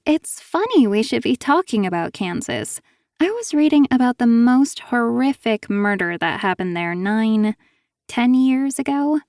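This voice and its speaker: A woman's voice: high voice, darkish tone, no echo, clean studio sound, pitched above the performer's own voice. A woman doing a sly, sugary-sweet menacing author. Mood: sweetly probing. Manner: falsely sweet, taunting.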